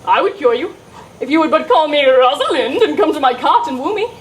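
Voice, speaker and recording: A woman performs a witty young woman disguised as a cheeky lad. The voice is high and the delivery is hammy, theatrical Shakespearean comedy. There is faint noise in the recording. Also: lively intonation, a little fast. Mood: witty, exuberant. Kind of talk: Shakespearean stage comedy acting.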